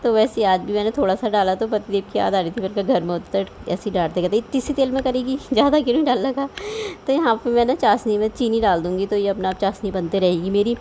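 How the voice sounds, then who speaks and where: A woman's voice: mid-range voice, fast, few pauses, dark tone, slight background noise. A woman in her thirties chatting at home about her day and her cooking, rambling and homely. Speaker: vlogger. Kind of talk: casual voice-over cooking vlog.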